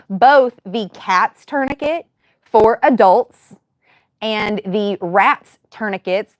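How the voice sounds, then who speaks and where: A woman in her thirties hosting a casual livestream Q&A, chatty and quick to laugh, with many fillers and restarts. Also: medium pitch, no echo. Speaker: livestream host and firearms medical instructor.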